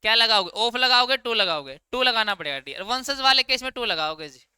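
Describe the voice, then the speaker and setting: An English grammar teacher lectures casually in a very bright, crisp, clear voice, firing questions at his students and answering them himself. He sounds very high-pitched, animated and brisk, and the recording is dry and close with no room echo.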